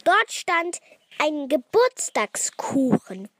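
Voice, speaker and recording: A woman telling a children's story slowly, stumbling and restarting words now and then. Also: sits high, very animated, a bit bright, no echo. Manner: slow, with frequent restarts and self-corrections.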